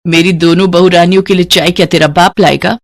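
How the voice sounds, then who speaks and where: A woman voicing a harsh older mother-in-law in a cartoon, who shouts and hurls mocking insults at her daughter-in-law. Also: fairly low pitch, steady tone, a little fast. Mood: scolding.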